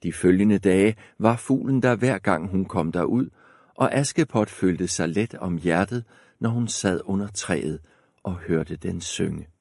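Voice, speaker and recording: A man narrating a fairy tale aloud in a calm, measured storytelling manner. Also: low-pitched, vocal fry, dry recording, clean studio sound.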